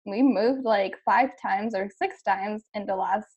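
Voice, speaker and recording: A woman's voice: mid-range voice, a little slow, darkish tone, husky, highs cut off. A woman from the Czech Republic, in her thirties, a guest coach on a podcast, giggly and enthusiastic, laughing often as she talks. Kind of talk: casual podcast interview.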